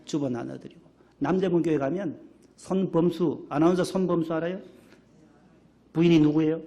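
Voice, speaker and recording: A middle-aged pastor delivers a church sermon in a somewhat high, gravelly voice. He keeps it lively, firing questions at the congregation and acting out friendly greetings. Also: moderate pace. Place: church sanctuary.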